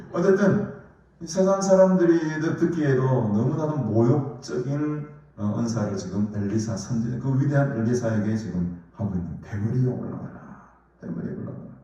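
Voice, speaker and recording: A man's voice: medium pitch, lively intonation, normal speed, mellow. A man preaching a sermon as a pastor, putting questions to the congregation and using many fillers. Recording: echoey hall, far from the mic, dull.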